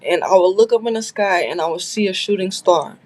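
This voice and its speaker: A woman's voice: mid-range voice, a little fast, darkish tone. A woman telling her past story candidly in a casual interview, bluntly acting out quotes. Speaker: guest recounting her past.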